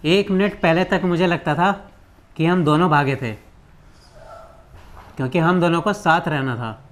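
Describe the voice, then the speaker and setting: A man's voice: fairly high pitch, measured pace, close to an everyday voice. An actor playing a young husband who bitterly reproaches his wife, in a drama. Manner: bitter, reproachful, pleading questions. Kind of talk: emotional drama acting.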